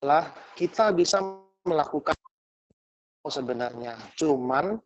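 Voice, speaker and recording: A man's voice: fairly high pitch, expressive, slow, lo-fi sound. A man giving a casual motivational talk over an online call, his audio choppy and cutting in and out from a bad connection, rambling and restarting his sentences in informal slang.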